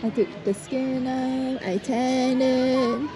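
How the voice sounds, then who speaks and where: A woman's voice: high-pitched, fairly even intonation, slow. A woman travel vlogger chatting casually outdoors, laughing often and asking curious questions, recorded on a handheld camera. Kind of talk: casual chat. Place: outdoors in a town park. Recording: outdoor street noise.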